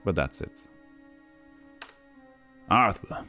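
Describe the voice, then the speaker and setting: Streaming a retro game, a man from Texas who has no regional accent offers casual commentary, reads the game's text out loud and replies to chat. He speaks extremely slowly with a sharp tone over soft background music.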